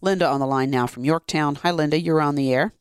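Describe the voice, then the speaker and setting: Smooth radio host, clear and dry. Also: mid-range voice, no echo. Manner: measured, polite, with fillers and restarts. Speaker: radio talk show host. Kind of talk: live call-in radio talk. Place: radio studio. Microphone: close studio microphone.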